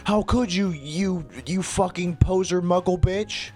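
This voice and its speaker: A man voicing a hysterical, angry teenage boy wizard who shouts his lines. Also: high voice, unhurried, soft background music, voice pushed up. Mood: furious. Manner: shouting, furious.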